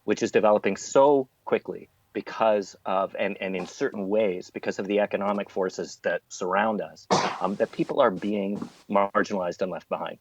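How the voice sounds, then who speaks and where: A man interviewed as a theatre artist speaks earnestly and discursively, repeating points for emphasis in thoughtful conversation. His voice is on the low side and his pace moderate. The recording is dull, roomy and lo-fi, with a little hiss or hum.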